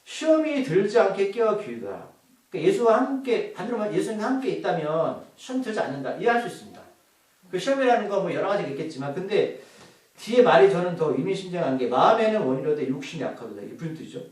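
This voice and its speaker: A man's voice: sits high, big pitch swings, fast talker, darkish tone. A man preaching a sermon as pastor, asking the congregation questions as he goes. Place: church hall. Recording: echoey hall, voice from far off.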